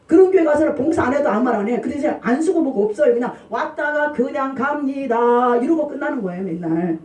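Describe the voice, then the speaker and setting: Woman pastor, high mellow voice, echoey distant church sound, call-and-response sermon. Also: quick pace. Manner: lively call-and-response preaching, asks congregation. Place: church sanctuary. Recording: roomy church hall, distant mic.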